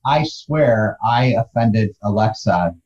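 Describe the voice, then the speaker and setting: Male guest, dark mellow tone, casual business talk, dull recording. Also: lowish voice, expressive, slow, a little hiss or hum. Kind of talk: casual conversation.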